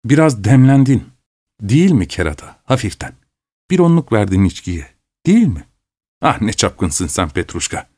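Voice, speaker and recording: A man voicing a jittery middle-aged clerk, fussy and quick to boil over, his voice swinging between wheedling and shouting. The sound is close and dry. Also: fairly low pitch, very animated, no echo. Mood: coaxing. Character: anxious, fussy middle-aged male clerk, easily enraged.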